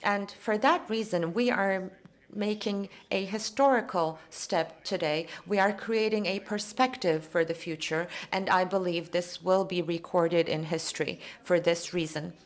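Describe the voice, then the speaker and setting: Here a woman renders conference talks into English simultaneously, pausing and measuring her words to keep up. She has a lowish voice and a steady tone.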